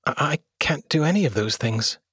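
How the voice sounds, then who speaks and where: A man's voice: mid-range voice, animated, normal speed, a bit bright, slightly rough, no room sound, studio quality, pitched above the performer's own voice. A man voicing a shy, polite young boy in a storybook reading, with a raised, hesitant voice. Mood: timid.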